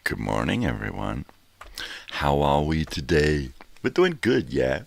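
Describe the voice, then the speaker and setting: Very deep, gravelly man, rambling casually. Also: big pitch swings, a little slow, dry recording. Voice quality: gravelly, raspy. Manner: laid-back, talking to himself, repeating phrases. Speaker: morning live stream host. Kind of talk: casual rambling vlog chat.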